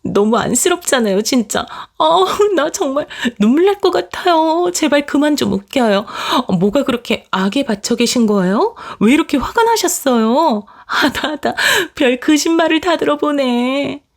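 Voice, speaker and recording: A woman voicing a smug young woman doctor, a sister-in-law who mocks and sneers in a shrill, mock-pitying way. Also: big pitch swings, normal speed, hardly any pauses, a little mellow.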